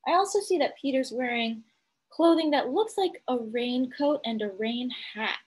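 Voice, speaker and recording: Speaking at normal speed in a high voice, a woman teacher shares a picture book with small children. She narrates lively commentary, explaining the story and musing aloud along the way.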